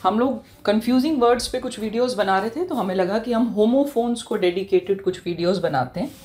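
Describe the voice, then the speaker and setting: A woman with an Indian accent teaching English in Hindi, explaining slowly and spelling words out letter by letter. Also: medium pitch, darkish tone. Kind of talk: online language lesson.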